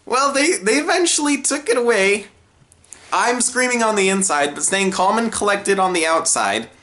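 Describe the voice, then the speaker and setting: Animated young man telling a story. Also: moderate pace. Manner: expressive, swings from low deadpan asides to high exasperated outbursts.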